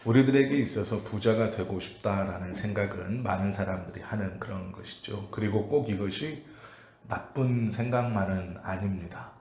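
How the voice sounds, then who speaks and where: A male pastor preaching an early-morning prayer sermon in a calm, measured way, pausing often with "uh". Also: fairly low pitch. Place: church sanctuary. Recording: echoey church room with faint ambient noise.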